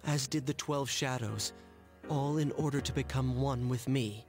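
A young man voicing a calm, mysterious young figure in a video game, speaking in a measured, grave way. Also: mid-range voice, lightly acted. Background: game music.

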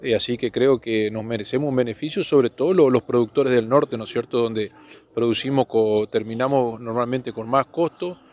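Un hombre de unos cuarenta años con acento del norte argentino, entrevistado al aire libre, titubea y repite palabras. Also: male voice, mid-range voice, steady tone, normal speed, darkish tone, highs cut off. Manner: hesitant, repeats words, frequent tag questions. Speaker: farm association official being interviewed. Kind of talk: spontaneous news interview. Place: outdoors under trees. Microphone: handheld reporter microphone.

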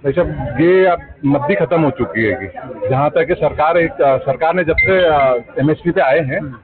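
Measured male trader, high voice. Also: music in the background. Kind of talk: street interview. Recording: phone-like audio with crowd.

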